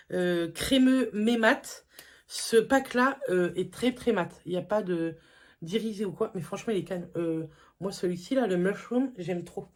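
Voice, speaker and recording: A woman, chatting casually through a beauty haul, full of fillers and enthusiastic asides. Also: medium pitch. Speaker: beauty vlogger.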